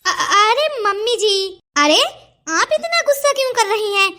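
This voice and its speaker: A woman's voice: very high voice, big pitch swings, a little slow, sharp tone, full character voice. A woman voicing an apologetic young man coaxing his aunt in a cartoon story. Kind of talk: cartoon voice acting.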